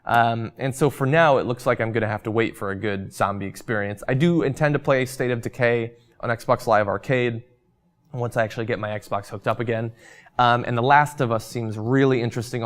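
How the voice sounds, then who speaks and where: A man's voice: mid-range voice, brisk. Casual man answering viewer comments. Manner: relaxed, chatty, frequent ums and uhs. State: losing his voice. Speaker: host.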